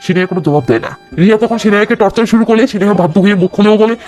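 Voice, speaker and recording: Man, rapid movie recap, high voice, faint music under it. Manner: rapid, lively storytelling, slips into each character's lines without changing voice. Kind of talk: fast movie-recap narration voicing every character.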